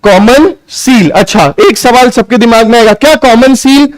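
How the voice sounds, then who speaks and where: A man teaching a live online law class, talking loudly, mixing Hindi with legal lines and firing quick questions that he answers himself. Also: very high voice, low-quality recording. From India. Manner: loud, quizzes students and answers himself; mixes Hindi with read-out English lines.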